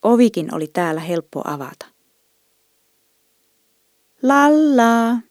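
A woman reading a children's story aloud in a gentle, even storytelling manner. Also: lowish voice, no room sound, studio quality. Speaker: narrator.

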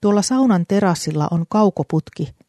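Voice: medium pitch, animated, mellow, no room sound, close to an everyday voice. A reader doing a blunt, curious boy. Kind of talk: audiobook character voice.

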